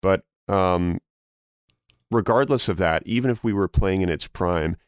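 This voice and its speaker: A man's voice: deep voice, unhurried, dry recording, studio quality. A man in his thirties co-hosting a gaming podcast, chatting casually and laughing easily. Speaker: podcast co-host. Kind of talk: casual chat.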